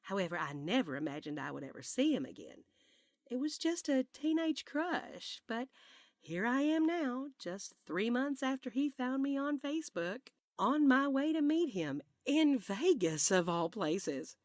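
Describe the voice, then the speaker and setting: A woman voicing a spirited, sweet elderly grandmother with a Southern accent, speaking in a lively, drawn-out, sing-song way. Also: high-pitched, no echo, studio quality, pitched above the performer's own voice. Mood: cheerful. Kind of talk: audiobook character voice.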